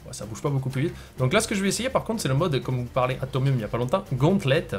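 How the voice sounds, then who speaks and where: A man's voice: mid-range voice, lively intonation, very fast. A man hosting a gaming show, commentating his own play in a casual, self-mocking way.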